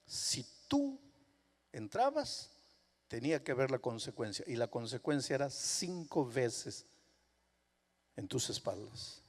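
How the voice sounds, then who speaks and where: A man's voice: mid-range voice, big pitch swings, slow pace, long pauses. A preacher voicing a stern, firm mother. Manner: firm, insistent. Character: stern but loving mother of a young boy. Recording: long hall reverb.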